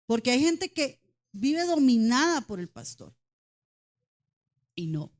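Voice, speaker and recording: High-voiced woman preaching a sermon. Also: sing-song, slow. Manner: emphatic, repeatedly addresses the congregation as brothers; speaks as a mother, mentions her daughters. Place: church.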